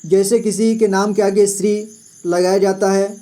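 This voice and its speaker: Children learn to read Hindi words from a man who spells them out letter by letter and keeps saying "ठीक है" in a slow, patient lesson. His mellow voice is high, with little pitch variation, at a moderate pace.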